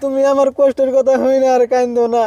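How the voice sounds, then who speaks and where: Man acting as a weepy henpecked young husband, very high whiny voice, sobbing pleas, comedy skit. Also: flat delivery, fast talker, mellow, no echo, muffled recording. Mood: pleading. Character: young husband beaten daily by his wife, weepy and ashamed.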